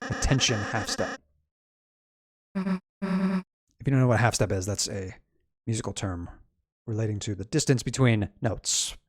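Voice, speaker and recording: With video game music running underneath, a man casually comments on the game he's playing, explaining its music in a fairly low, expressive voice. He speaks at a measured pace with long pauses, and the recording is dry.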